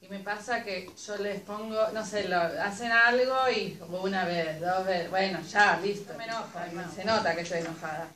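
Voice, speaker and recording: A woman with an Argentine accent, a mother in the audience, telling a story softly and hesitantly with many restarts. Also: medium pitch, moderate pace, hardly any pauses. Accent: Argentine Spanish. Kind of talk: telling a personal story in a class. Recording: echoey room, mic far off.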